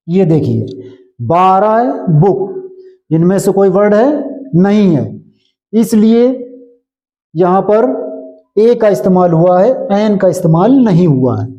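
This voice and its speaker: Slow, dark-voiced male English teacher. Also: high-pitched, lo-fi sound. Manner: repetitive, checks understanding often. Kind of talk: slow classroom explanation in Hindi.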